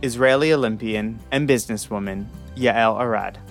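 A man in his twenties, a podcast host, giving a reflective scripted narration with measured, dramatic pauses and then interviewing a guest. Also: fairly low pitch, faint music behind. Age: 20s.

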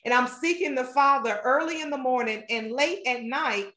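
A woman with a high, bright-pitched voice hosts a faith podcast and leads a fervent prayer in a preacherly cadence. The sound is roomy and echoey around her. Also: normal speed, a crowd in the background. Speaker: podcast host and marketing strategist.

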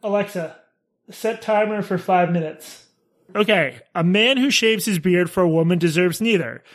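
A man co-hosting a podcast, speaking into a phone held next to his microphone, wry and quick to laugh. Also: high-pitched, fairly bright tone. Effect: speaking into a phone held beside the microphone. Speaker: podcast co-host. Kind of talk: casual banter. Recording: thin phone audio.

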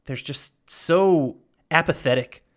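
Slow and fairly high-pitched, this man co-hosts a podcast and chats loosely about a film. He wanders scene by scene, tossing in playful quotes, with the odd laugh and curse.

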